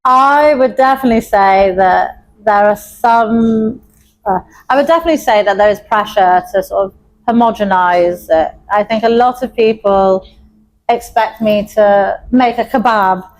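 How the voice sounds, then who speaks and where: A woman's voice: medium pitch, measured pace, rough recording. A young adult woman from Wales, a chef and pub owner, talking in an interview with enthusiasm and frequent laughter. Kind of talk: interview conversation.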